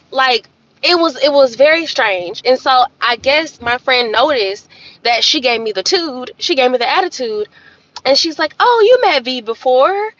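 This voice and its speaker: Sassy and lively, this woman hosts a livestream and recounts a story while talking straight to her audience, whom she addresses as "y'all." Her voice is high-pitched and the sound is lo-fi.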